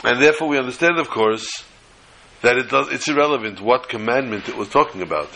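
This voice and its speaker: Male rabbi, forceful bright voice, deliberate religious lecture, emphatic repetition. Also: medium pitch, animated, creaky, poor audio. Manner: deliberate, didactic, repeating phrases for emphasis. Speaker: rabbi giving a Torah lesson. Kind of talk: religious lecture, reading and explaining texts.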